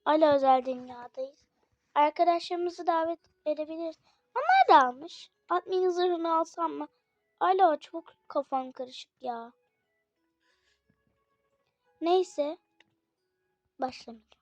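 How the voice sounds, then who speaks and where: A woman hosting a gaming channel, commenting chattily on gameplay and often calling out to her viewers with excited exclamations, sounding slightly unwell. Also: extremely high pitch, slow pace, long pauses, dry recording, soft background music. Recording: dull lo-fi dry recording.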